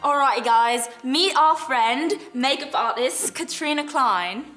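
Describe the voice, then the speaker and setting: A woman's voice: high voice, slow, over music. A young woman hosting a beauty news segment, chatty and bubbly, laughing often. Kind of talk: upbeat beauty segment presenting.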